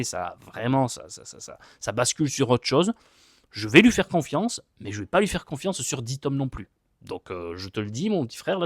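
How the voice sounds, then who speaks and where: A man's voice: medium pitch, no echo, clean studio sound. A man casually reviewing manga he has read, chatty and rambling, with many hesitations and repeated words, joking about his own English accent.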